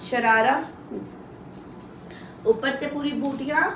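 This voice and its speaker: Indian woman, live-shopping seller, high voice, unscripted Hindi-English patter, distant roomy sound. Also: measured pace, fairly bright tone. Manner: mixes Hindi with English phrases; repeats prices and details to push buyers. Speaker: live shopping presenter selling women's clothing. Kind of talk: live online sales pitch, casual and unscripted. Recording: roomy echo, distant mic, faint noise.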